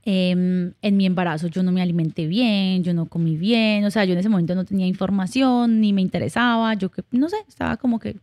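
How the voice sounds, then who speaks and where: A young woman shares her life in a relaxed podcast conversation, candid and heartfelt. Her voice is mellow and warm, and the recording is dry and close with no room sound. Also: medium pitch, a little fast, few pauses, dry recording. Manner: candid and heartfelt, storytelling with quoted dialogue. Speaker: podcast guest. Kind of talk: casual conversational interview.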